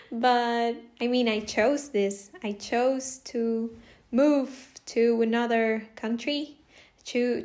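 A Costa Rican woman in her twenties, a native Spanish speaker, hosts a casual solo podcast in a chatty style, laughing often and restarting sentences. Her voice is on the high side and a little mellow.

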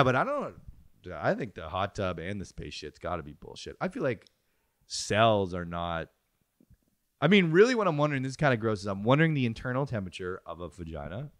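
Male podcast co-host, hugely animated and foul-mouthed, crude banter among friends, dry close sound. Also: sits low, brisk, dry recording. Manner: sweary, excitable storytelling, acting out quotes.

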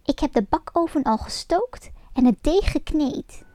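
Wicked old storybook witch, shrill and high, sly and mocking, put on by a woman narrator. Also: animated, a little slow, dark tone, faint music behind. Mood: wheedling. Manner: sly and mocking, barking orders. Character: wicked old witch, cackling, greedy and scheming.

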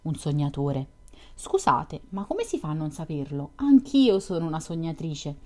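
A woman's voice: deep voice, sing-song, normal speed, warm tone. A woman reading as a teasing, chatty young woman. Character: lively, curious young woman, teasing and talkative. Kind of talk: audiobook reading of a novel.

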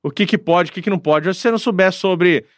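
A man talking earnestly and reflectively with a pastor, pausing often to find his words. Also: sits high, no room sound, studio quality. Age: adult, father of a daughter. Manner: earnest, reflective, frequent hesitations. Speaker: guest speaking with a pastor. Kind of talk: casual conversational talk.

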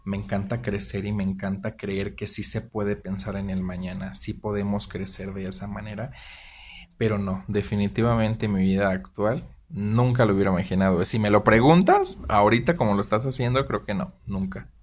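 Earnest Mexican man, low voice. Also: fairly even intonation, moderate pace. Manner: earnest, jokey and sentimental. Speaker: guest. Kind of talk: casual interview.

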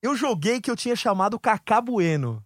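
A man with a Brazilian Portuguese accent, a podcast guest telling a long anecdote in casual slang with quick asides. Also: high-pitched, no room sound, clean studio sound. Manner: lively storyteller, heavy slang, quick asides.

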